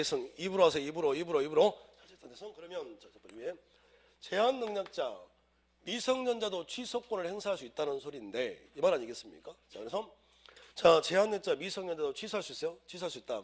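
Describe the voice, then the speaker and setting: A man's voice: a little high, lively intonation, fast. A man teaching civil law in an exam-prep lecture, drilling students with chants and acting out everyday scenes to explain the rules.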